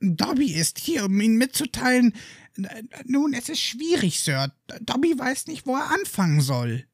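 A high, squeaky little house elf. He is servile and overwrought, sobbing his lines in a shrill voice. His pitch swoops wildly. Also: big pitch swings, normal speed, no echo, studio quality, full character voice. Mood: hesitant.

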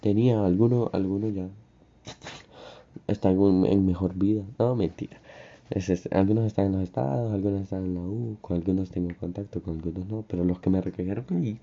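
Dark-voiced Honduran guy telling a story. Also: low-pitched, fairly quick. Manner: animated, slangy, acts out his own crying. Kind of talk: casual storytime monologue. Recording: dull lo-fi recording, faint music.

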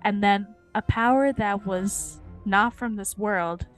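A woman's voice: mid-range voice, fairly even intonation, slow pace, soft background music. A young woman co-hosting a paranormal podcast, telling a story in casual chat with fillers and swearing. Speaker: podcast co-host.

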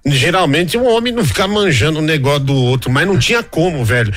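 A man from Brazil telling a story casually on the radio, acting out other people's lines with big jumps in pitch. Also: quick pace, soft background music. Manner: animated, acts out quoted voices with big jumps in pitch. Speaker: radio reporter.

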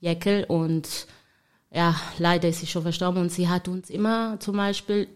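A woman in her forties from southern Italy, speaking German in a relaxed interview, often laughing and answering with short affirmations. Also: fairly low pitch, normal speed, clean tone. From Calabria, southern Italy. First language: Italian. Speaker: interview guest, restaurant owner. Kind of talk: casual interview chat.

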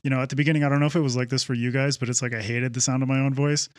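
An eager man talks on a podcast, swearing now and then and quoting himself as he goes. His voice sits at an ordinary middle pitch. The sound is close and dry, with no room at all. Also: very fast, dry recording. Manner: excited, swears freely, quotes himself. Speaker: podcast host. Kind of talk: casual podcast chat.

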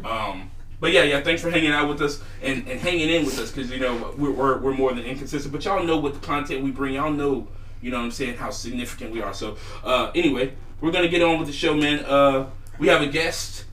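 A man hosts a loose, rambling chat, his tone bright and lifted. He sits well back from the mic in a roomy, echoing space. A faint hiss runs underneath. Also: medium pitch, brisk, distant mic. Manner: laid-back, rambling, laughs often. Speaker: podcast host. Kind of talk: casual chat.

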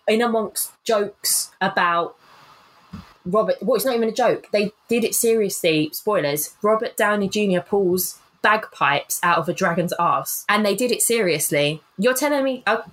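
A woman's voice: medium pitch, fairly bright tone, low-quality recording. A woman co-hosting a podcast, chatting casually about films, rambling with fillers and restarts. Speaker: podcast co-host. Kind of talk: casual film chat.

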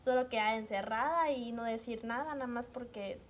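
Mexican-accented woman, podcast guest, somewhat high voice, animated anecdotes. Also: moderate pace, slight background noise. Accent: Mexican Spanish. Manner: animated storytelling, acts out quoted dialogue. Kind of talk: casual podcast chat.

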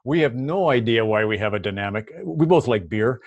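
A man's voice: medium pitch, expressive, brisk, dry recording, muffled recording. A middle-aged Canadian man telling stories in a casual interview, often repeating words as he starts a thought. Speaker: hockey broadcaster guest.

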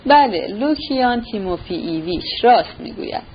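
A woman's voice: mid-range voice, expressive, muffled recording, a little hiss or hum, natural voice. A woman reading a fawning, fussy old schemer. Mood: sheepish. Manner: servile and flustered. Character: fawning, fussy older man, habitual liar.

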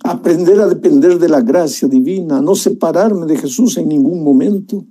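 Male preacher, emotional storytelling sermon, dark mellow tone, slightly husky. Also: fairly high pitch, moderate pace. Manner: emotional storytelling, addresses listener warmly as dear one.

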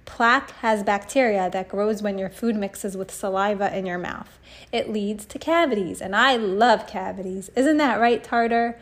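A woman voicing a gloating female dentist turned supervillain, announcing herself slowly and grandly in a storybook reading. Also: lightly acted. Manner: slow, booming villain announcing.

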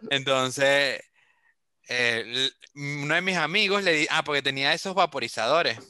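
A man's voice: medium pitch, moderate pace, sharp tone, smooth, no room sound, clean studio sound. A young Venezuelan man telling a story in a casual chat over a video call, acting out the voices of others.

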